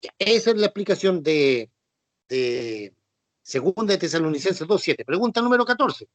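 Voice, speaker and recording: A man's voice: fairly high pitch, animated, normal speed, dry recording. A man with a Chilean accent teaching a Bible study class. He explains verses patiently, poses quiz questions and keeps checking that his listeners follow. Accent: Chilean Spanish. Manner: patient and repetitive, with frequent "¿no es cierto?" and "ya" checks.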